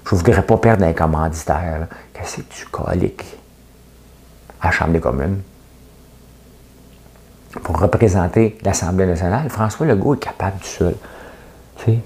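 Deep-voiced Québécois man, sarcastic and chatty. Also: normal speed, pauses often, a little mellow. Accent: Québécois French. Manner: chatty, sarcastic, jokes at his own expense, frequent "tu sais". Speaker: host of a daily commentary show. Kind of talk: casual opinionated monologue.

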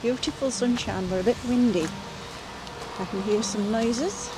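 A woman's voice: a little high, moderate pace, noisy background. A woman hosting a casual vlog, chatting as she films a walking tour through an old château. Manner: chatty, giving a walking tour while filming. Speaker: vlog host. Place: old château, stairs and rooms.

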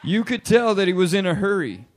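A man doing a crude, animated stand-up routine in a bar and grill, acting out characters as he goes. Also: high-pitched, a little fast. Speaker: stand-up comedian.

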